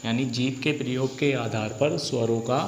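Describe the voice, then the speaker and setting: A Hindi teacher lecturing a class for exam prep. He asks rhetorical questions and answers them himself, and he repeats key points slowly. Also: medium pitch, steady tone, roomy sound, big-room sound, slight background noise.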